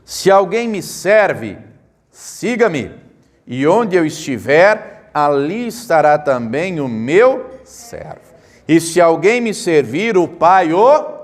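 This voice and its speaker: A man with a high-pitched voice delivers a sermon as a pastor. He presses his points with rising emphasis and rhetorical questions, then slows right down to read scripture deliberately. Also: big pitch swings. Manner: slow deliberate scripture reading.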